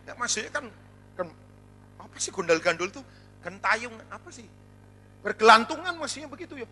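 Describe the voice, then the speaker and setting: Lively high-voiced man preaching. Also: moderate pace, slightly rough. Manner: animated storytelling with jokes. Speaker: pastor. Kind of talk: sermon.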